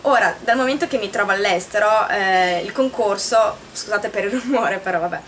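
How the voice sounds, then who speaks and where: Italian woman in her 20s vlogging, kinda halting, hunting for words, bit of room noise. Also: mid-range voice, a bit bright. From Italy. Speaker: video blogger. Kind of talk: casual talk to camera. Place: small room indoors.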